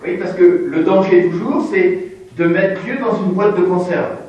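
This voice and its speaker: A man giving an informal bible lesson to a group, explaining patiently and haltingly with many fillers. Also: high-pitched, highs cut off. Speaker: religious teacher. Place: indoor room with listeners. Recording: very echoey room, mic far off.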